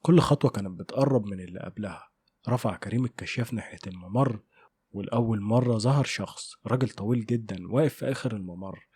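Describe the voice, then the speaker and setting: A man with an Egyptian Arabic accent narrating a scripted horror story in a measured, suspenseful way. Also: lowish voice, darkish tone, slightly rough, dry recording.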